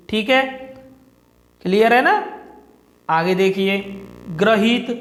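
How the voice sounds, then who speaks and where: A man's voice: high-pitched, roomy sound. A man teaching a grammar lesson for exam preparation. He repeats each word and keeps quizzing his students.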